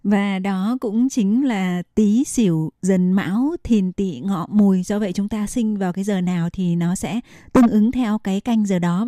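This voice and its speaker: A woman's voice: medium pitch, mellow, no echo, studio quality. A woman hosting a radio talk show, explaining steadily with many fillers. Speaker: radio host.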